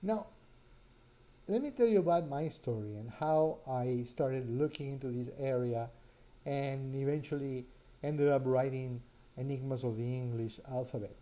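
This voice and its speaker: Spanish-accented man with a dark voice. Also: mid-range voice, rough recording. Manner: earnest storyteller, pauses with fillers. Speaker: author and course presenter. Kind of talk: personal story in a language lesson.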